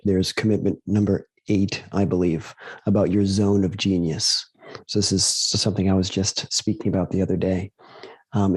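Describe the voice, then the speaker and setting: A man's voice: on the low side, a little mellow, husky, no room sound. A man guiding a meditation series, talking casually and rambling with many fillers and restarts. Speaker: meditation guide. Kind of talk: casual spoken reflection.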